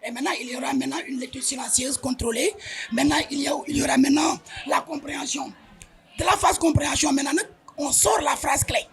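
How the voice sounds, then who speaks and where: Senegalese school head, man with a notably high voice, emphatic explainer in an interview, faint music under it. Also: steady tone, quick pace, fairly bright tone. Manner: emphatic, stepwise explaining, often repeats words.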